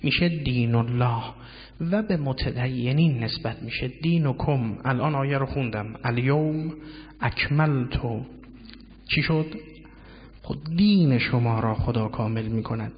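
A man giving a measured lecture on word origins, drawing out key words and reciting Arabic phrases. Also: mid-range voice, a little hiss or hum. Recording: dull lo-fi sound with long hall reverb.

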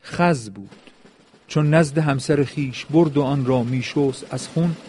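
A man reading a historical account as measured, solemn scripted narration. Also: medium pitch, a little mellow, a little hiss or hum.

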